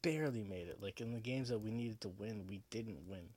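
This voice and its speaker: Man, drunk, fairly low pitch, rambling, repetitive, profane, casual solo sports podcast host. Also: brisk, a little mellow.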